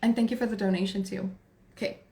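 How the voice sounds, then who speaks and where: A woman's voice: mid-range voice, fairly even intonation, quick pace, warm tone. A woman in her forties with a Texan accent, hosting a casual tarot livestream, chatty and laughing as she talks to her viewers and to herself. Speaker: tarot reader livestream host.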